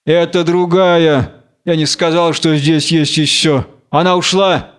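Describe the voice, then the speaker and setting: A frightened warrior companion, as a male reader puts him on, pressing urgently and anxiously. The voice sits high, smooth and resonant, with a steady audiobook-drama delivery. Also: slow. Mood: fearful.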